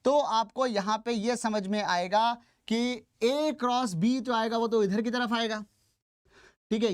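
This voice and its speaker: Male teacher, classroom lecture, step-by-step explanation, Hindi mixed with English phrases, checks in with students. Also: very high voice. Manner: addresses students directly, checking understanding.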